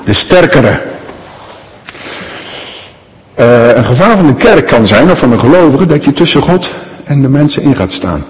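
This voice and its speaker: Dutch pastor preaching in a reverberant church. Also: male voice, medium pitch, sing-song, moderate pace, long pauses. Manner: conversational, asks the congregation questions. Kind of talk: sermon. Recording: echoey church hall.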